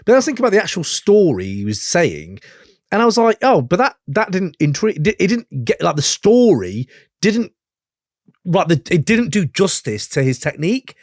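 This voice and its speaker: A man's voice: dry recording, clean studio sound. A man co-hosting a music podcast, talking casually and swearing often. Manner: animated, swearing, mimics lines with big pitch jumps. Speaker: podcast co-host. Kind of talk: casual chat.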